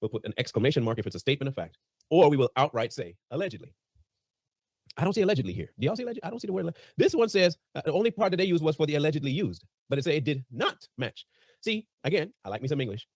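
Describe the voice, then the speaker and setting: A man's voice: fairly high pitch, sing-song, racing, no echo, clean studio sound. A man giving casual commentary in a playful, mocking, emphatic way. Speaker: online commentary host.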